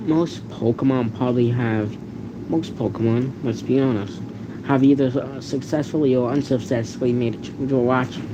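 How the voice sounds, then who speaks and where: A man giving casual, rambling commentary on a video, halting and repeating himself. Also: steady tone. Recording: noisy recording with background rumble.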